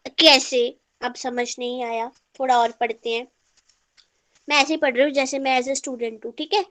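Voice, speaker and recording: A woman's voice: high-pitched, a bit bright. A woman teacher giving an online class through an earphone mic, mixing Hindi with English terms and checking in with her students.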